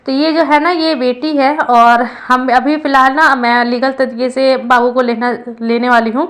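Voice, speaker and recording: A woman's voice: high-pitched, fairly even intonation, normal speed, fairly bright tone. A young woman vlogger talking casually and earnestly about her family, rambling with frequent restarts. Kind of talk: casual personal vlog.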